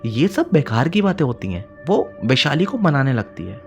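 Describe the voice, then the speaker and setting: A man narrating a horror story in a dramatic way, repeating phrases and swinging between loud emphasis and hushed lines. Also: medium pitch, very animated, moderate pace, soft background music.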